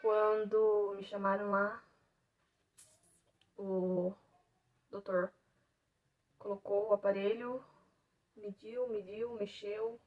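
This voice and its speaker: A woman's voice: medium pitch, takes it slowly, pauses often. Young mother telling a story, far from the mic. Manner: animated, acts out quoted dialogue, laughs often. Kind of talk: emotional personal storytelling. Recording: distant mic, dull lo-fi sound, faint noise.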